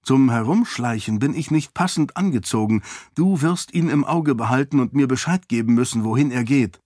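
A man's voice: mid-range voice, normal speed, a little mellow, dry recording, clean studio sound, voice pushed up, close to an everyday voice. A man voicing a headstrong young noblewoman in an audiobook, insistent and determined. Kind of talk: audiobook character voice.

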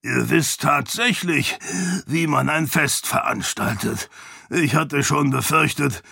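A man voicing a portly, blunt, booming count in an audiobook, talking slowly and blusteringly. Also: gravelly, sharp tone, breathy edge, no echo, clean studio sound, heavily acted. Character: portly boisterous male count, blunt glutton. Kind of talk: audiobook character voice.

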